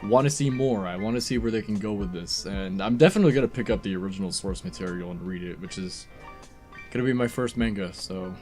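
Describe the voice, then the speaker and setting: A man's voice: on the low side, a little mellow, soft background music. Casual swearing man reviewing films. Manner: casual, swears freely, quick jokey asides. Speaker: film review co-host. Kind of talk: casual film review chat.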